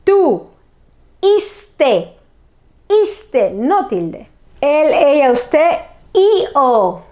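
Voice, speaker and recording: Slow, deliberate woman teaching a language. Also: high-pitched, very animated, darkish tone. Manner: repeats words slowly and clearly for students to follow. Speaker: Spanish teacher.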